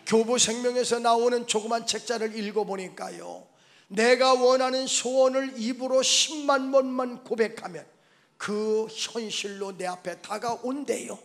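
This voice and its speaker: Animated high-voiced male preacher. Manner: animated preaching, swinging from soft to shouted exclamations. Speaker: pastor. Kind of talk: revival sermon. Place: church sanctuary.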